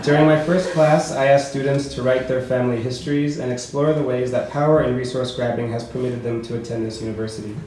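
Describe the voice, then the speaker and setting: A man reading his own prose poetry aloud at a book launch, with a measured, rhythmic delivery. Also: medium pitch, fairly even intonation. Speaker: author reading his work. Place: bookshop event space. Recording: echoey room with faint noise.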